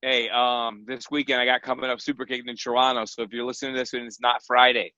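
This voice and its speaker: A man's voice: mid-range voice, flat delivery, quick pace, pushed and bright, no echo, lo-fi sound. A man, a professional wrestler guesting on a podcast, ranting and trash-talking in profane, rambling casual chat. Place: guest room at home.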